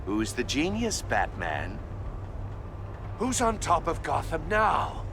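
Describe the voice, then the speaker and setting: Theatrical high-pitched gloating supervillain. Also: male voice, huge pitch swings, noisy background, exaggerated voice. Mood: smug, taunting. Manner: taunting, grandiose, drawn-out delivery. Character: gloating, theatrical male supervillain obsessed with riddles. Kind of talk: video game voice acting.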